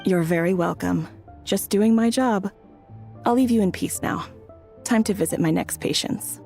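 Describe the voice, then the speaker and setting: A woman playing a calm, courteous and reassuring doctor in a video game. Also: medium pitch, moderate pace, creaky, soft background music, close to an everyday voice.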